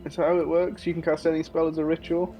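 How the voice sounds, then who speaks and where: A man's voice: on the high side, little pitch movement, quick pace, mellow, faint music behind, poor audio. A man narrating a tabletop role-playing game as game master, calling for rolls and setting scenes.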